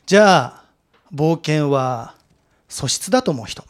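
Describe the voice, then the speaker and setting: A man's voice: a little high, expressive, takes it slowly. A man giving a talk to a live audience, telling an anecdote in a chatty way and polling the listeners by show of hands. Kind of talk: animated storytelling lecture.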